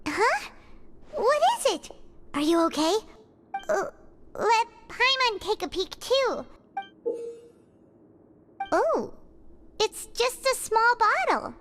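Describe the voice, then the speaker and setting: An actress voicing Paimon, a tiny, excitable fairy companion in a video game, chatty and squeaky, who talks about herself in the third person. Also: female voice, takes it slowly, long pauses, noisy background, heavily acted. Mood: nervous. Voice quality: squeaky, childlike. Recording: game audio with loud music. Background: loud game music.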